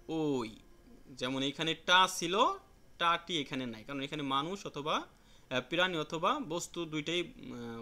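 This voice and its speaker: A male teacher in a casual lesson goes through word lists one by one. He repeats each term slowly and patiently and sometimes restarts a sentence. His voice is bright and sits a little high. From Bangladesh. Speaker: Japanese language teacher. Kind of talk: classroom lesson explaining vocabulary.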